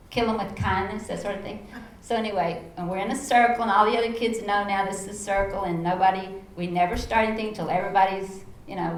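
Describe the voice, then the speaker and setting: A middle-aged woman with a Texas accent shares personal teaching stories during a panel talk, playing out the things she said with lively animation. She has a mid-range voice, captured in an echoey conference room with faint noise in the background.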